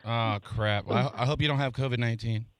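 A man's voice: mid-range voice, a little fast, no echo. A man hosting a radio show, chatting and joking offhand with callers and his co-host. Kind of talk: morning radio banter. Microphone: studio microphone.

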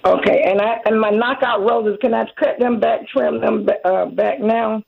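A woman calls in to a radio show over the phone, and her voice comes through narrow and tinny. It sounds husky and gravelly. She asks her question politely and answers in short, agreeable replies. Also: on the high side, steady tone, normal speed. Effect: phone call on a radio show. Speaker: caller. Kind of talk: phoning in a gardening question.

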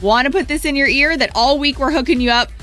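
High-voiced American woman, radio co-host. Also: quick pace, sharp tone, soft background music. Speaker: radio morning show co-host. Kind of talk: chatty radio show talk and promos. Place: radio studio.

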